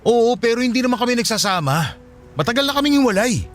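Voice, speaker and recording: A man's voice: extremely high pitch, big pitch swings, quick pace, loud music behind the voice. A man acting in a radio drama as a young man who pleads and keeps asking questions, then apologizes. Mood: apologetic.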